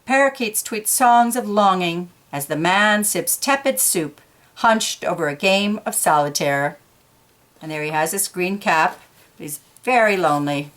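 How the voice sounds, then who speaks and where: This woman's voice is fairly low and a bit bright, with lively intonation and a slightly slow pace. She's reading a children's picture book aloud, pausing to chat informally about what the pictures show.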